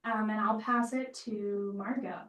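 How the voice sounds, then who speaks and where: A woman's voice: medium pitch, steady tone, unhurried, a bit bright. Woman heard with doubled echo from a second device. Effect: echoing double audio from a second device in the same room. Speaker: outreach manager. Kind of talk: casual self-introduction on a video call. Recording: echoey, distant, dull video-call audio.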